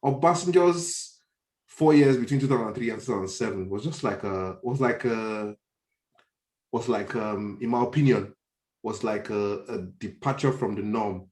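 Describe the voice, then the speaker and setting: A Nigerian-accented man speaks at normal speed in a lowish, darkish voice as a podcast panelist debating politics conversationally. He's emphatic, echoing his own phrases as he reasons, and the online call sounds roomy and echoey.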